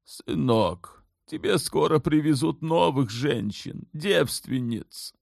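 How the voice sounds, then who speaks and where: A man's voice: on the high side, lively intonation, takes it slowly, vocal fry, darkish tone, no room sound, studio quality, pitched above the performer's own voice, heavily acted. A man voicing the sultan's mother in an audiobook, an older woman who speaks firmly and measuredly, clipped when pressed. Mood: soothing. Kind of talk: audiobook character voice.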